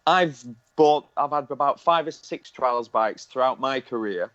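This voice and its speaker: A man's voice: medium pitch, a little slow, fairly bright tone, no echo. A man with a Lancashire accent hosts a podcast chat. He talks in self-mocking, teasing banter. The recording is dry and a little dull. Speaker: podcast host. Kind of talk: casual chat.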